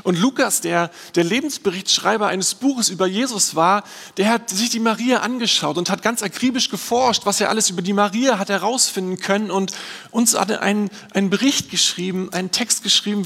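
A male pastor delivers an earnest, reflective sermon in a fairly high voice with a gravelly, husky edge. He asks his listeners question after question. The hall carries his voice with a long reverb. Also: a bit bright. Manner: earnest, reflective preaching with many rhetorical questions.

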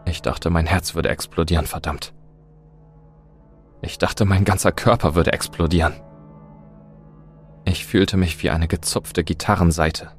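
A man's voice: deep voice, fairly even intonation, a little slow, long pauses, faint music behind. A man narrating a scripted first-person horror story in a tense, dramatic way.

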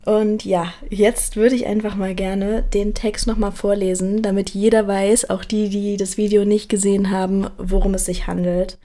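A woman's voice: medium pitch, level tone, normal speed, hardly any pauses, warm tone. A young woman hosting a solo talk, speaking earnestly and reflectively, often restarting and repeating words. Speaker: podcast host.

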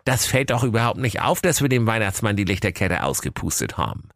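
A man's voice: lowish voice, sing-song, a little fast, vocal fry, a bit bright, dry recording, studio quality, pitched above the performer's own voice, exaggerated voice. A man voicing a sly, bossy big bad wolf, snappy and impatient, in a comic storybook reading. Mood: bossy scheming.

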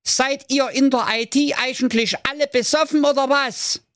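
A man voicing an excitable, foul-mouthed fairy-tale brother in a Saxon accent, yelling in a frantic manner for a comic audio story. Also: on the high side, a little slow, no room sound, studio quality, pitched above the performer's own voice. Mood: panicked. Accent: Saxon German.

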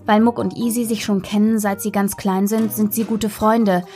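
Speaking as a dog in the first person, a woman reads aloud from a children's story in a gentle, playful manner. Her pitch is medium and moves little, her pace moderate, with faint background music.

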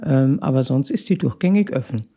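In this clip, an Austrian woman in her fifties, head nurse of a psychiatric crisis ward, answers interview questions matter-of-factly but hesitates often. Her voice is rumbling low, warm and husky, and she talks animatedly at a slightly quick pace.

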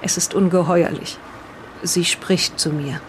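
The poor audio carries a little hiss or hum as a woman with a lowish, fairly even, everyday-sounding voice plays a diary reader in an audio drama. Hesitant and bewildered yet absorbed, she reads the old diary aloud haltingly and breaks off to comment.

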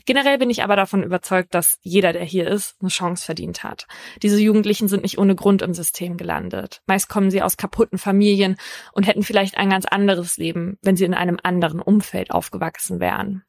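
A woman hosting a true crime podcast, telling a case in a measured, scripted first-person narration. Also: medium pitch, steady tone, creaky, no echo, studio quality.

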